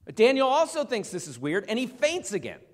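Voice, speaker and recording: A male pastor with a high-pitched, brisk voice and huge pitch swings preaches a Bible-teaching sermon. He keeps it conversational, adding humorous asides to the congregation, and the recording has the long reverb of a large hall.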